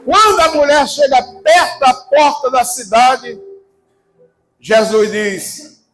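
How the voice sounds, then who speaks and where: A Brazilian man preaching a sermon as pastor, fervent and shouting, calling the congregation to answer back. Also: extremely high pitch, takes it slowly, rough recording. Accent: Brazilian Portuguese. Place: church service.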